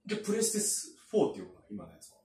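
A man's voice: lowish voice, wildly swooping pitch, warm tone. A man in casual chat, telling stories at length with many fillers and asides. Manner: chatty, drawn-out storytelling with many fillers. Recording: roomy, from a distance.

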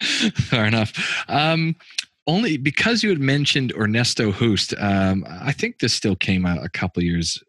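A man hosting an interview, asking questions in a lively way and sometimes searching for his words. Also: mid-range voice, a little slow, husky, dry recording. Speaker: podcast host.

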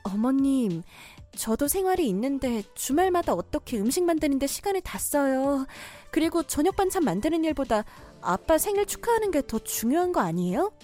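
A woman's voice: high-pitched, big pitch swings, fairly quick, a little mellow, soft background music. A woman voicing a young married daughter-in-law who stays polite but firmly pushes back, in a cartoon story drama. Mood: defiant.

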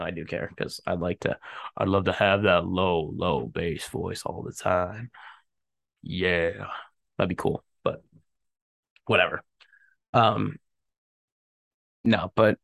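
Stuffed up with a cold, a young podcast host rambles through a casual solo chat, full of slang and frequent laughter. His voice is on the low side and a bit bright, with vocal fry and no echo in the recording.

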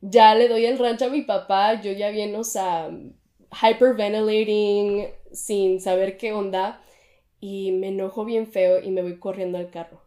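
A woman's voice: medium pitch, steady tone, measured pace, dark tone. A young woman, a podcast co-host telling a candid personal story in casual chat and mixing in English words. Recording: echoey room.

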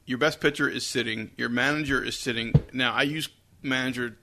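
A man's voice: medium pitch, fairly even intonation, fairly quick, noisy background. A man hosting casual sports banter in a home basement, needling his co-hosts with joking questions. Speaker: sports talk host.

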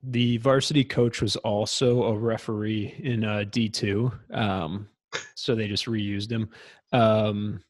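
A man's voice: fairly even intonation, takes it slowly, dry recording. A young man co-hosting a podcast, chatting casually and with enthusiasm about a movie, acting out lines from it. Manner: enthusiastic, acts out quotes in high voices. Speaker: podcast co-host.

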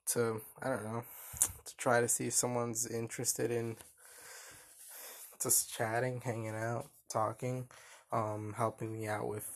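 Slow, monotone young man podcasting. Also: medium pitch. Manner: rambling, hesitant, many fillers. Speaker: podcast host. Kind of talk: casual solo podcast monologue.

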